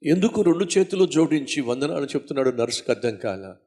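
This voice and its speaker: A man's voice: on the high side, very animated, quick pace, warm tone. Emphatic male preacher telling a story. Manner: emphatic, repetitive, asks the listeners direct questions. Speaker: pastor. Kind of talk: sermon storytelling.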